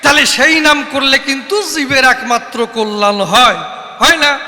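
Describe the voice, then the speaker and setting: A man's voice: very high voice, fairly even intonation, a little slow, sharp tone, in a large hall. A man from West Bengal performing kobi gaan, chanting and calling out to the audience in a sing-song, declaiming way. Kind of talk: sung and declaimed folk debate poetry.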